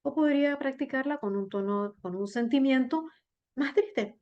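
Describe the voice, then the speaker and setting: A woman teacher giving a class on public speaking, talking straight to her students and checking in with "¿bien?", with big swings in pitch and slow, sung-out demonstrations. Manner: addresses students directly with frequent "¿bien?" check-ins. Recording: dull lo-fi recording.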